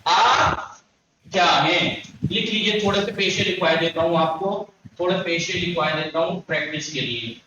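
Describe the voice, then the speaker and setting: A man teaching an online language class, drilling words slowly for students to repeat. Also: high-pitched, background noise. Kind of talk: online Persian lesson. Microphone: online class call. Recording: echoey, distant, lo-fi online call.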